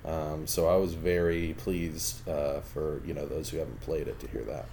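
A man's voice: extremely low pitch, steady tone, normal speed, vocal fry, mellow, a little hiss or hum. A man co-hosting a podcast, talking frankly and enthusiastically in casual chat and swearing now and then. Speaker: podcast co-host.

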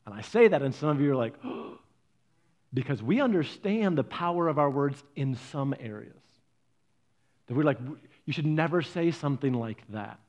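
Animated man preaching with acted-out quotes. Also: normal speed. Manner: animated, acts out quoted voices with big pitch jumps. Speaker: pastor. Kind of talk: sermon.

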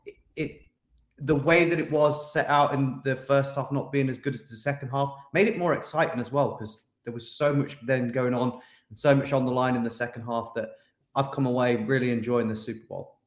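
A man's voice: mid-range voice, steady tone, brisk. A man, co-hosting a casual podcast, talking enthusiastically in long flowing sentences. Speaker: podcast co-host. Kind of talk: casual chat. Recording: roomy echo.

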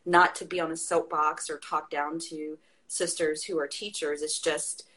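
A woman with a somewhat low voice talks with passion in casual conversation. She tells stories with energy and laughs as she goes. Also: moderate pace. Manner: passionate, animated storytelling with laughs. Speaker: guest.

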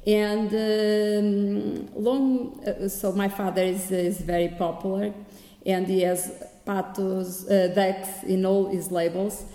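Woman, Portuguese accent, interview guest, slow and halting, mellow, roomy echo. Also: mid-range voice, little pitch movement. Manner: halting, searching for words. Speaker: podcast guest, winemaker. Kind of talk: conversational interview answers. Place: echoey room. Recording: echoey, reverberant room.

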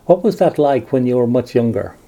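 A male podcast host with a warm, darker voice, asking his guest questions calmly and steadily. His speech is measured and easygoing. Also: mid-range voice. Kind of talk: podcast interview.

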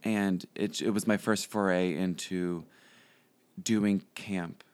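A man's voice: sits low, fairly even intonation, takes it slowly, clear, resonant tone. A young man, a podcast guest, chatting casually and rambling with lots of fillers and restarts. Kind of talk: casual interview chat.

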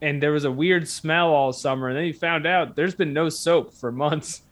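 A man's voice: on the high side, moderate pace, a bit bright. A man chatting casually and comically, telling rambling anecdotes as a guest. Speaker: guest telling stories of odd jobs.

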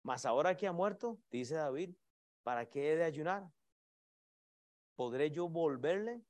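A middle-aged man preaches from the pulpit in a high, ringing voice. His delivery is emphatic, rising and dropping sharply in loudness as he keeps calling out to his listeners as brothers. The sound is close and dry, with hardly any room around it. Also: expressive, unhurried, dry recording. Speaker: pastor. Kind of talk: sermon.

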